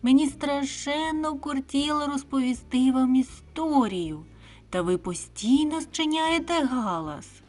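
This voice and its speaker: A woman doing a small worried fox girl, high and earnest. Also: lively intonation, unhurried, darkish tone, faint music behind. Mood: pleading. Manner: earnest, pleading, raised high voice. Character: small quiet young female fox, gentle but worried.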